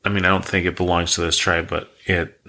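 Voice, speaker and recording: Male podcast co-host, low and bright-toned, relaxed rambling storyteller. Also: fairly quick. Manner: relaxed, rambling, reads facts aloud.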